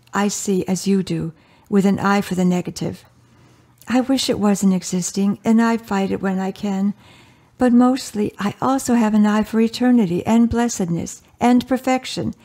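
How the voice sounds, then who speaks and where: Her voice in the mid range and her acting light, a woman voices a pious, tender older mother in a radio drama, offering her adult daughter patient, earnest advice.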